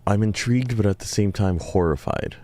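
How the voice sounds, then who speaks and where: Deep-voiced, rambling male streamer. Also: a little fast. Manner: rambling, lots of ums and uhs, excitable. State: tired voice. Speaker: game streamer. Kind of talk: casual live-stream chat.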